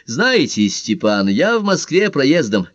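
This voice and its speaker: A man's voice: medium pitch, big pitch swings, takes it slowly, dry recording, pitched above the performer's own voice. A man voicing a polite, slightly embarrassed middle-aged man making a phone call in an audiobook. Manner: polite, apologetic.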